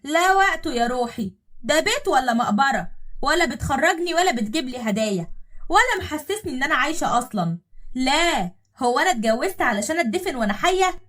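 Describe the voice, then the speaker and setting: Woman doing a loud nagging egyptian wife, jealous and scornful, quick high voice. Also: animated. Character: shrill, jealous, spoiled young wife.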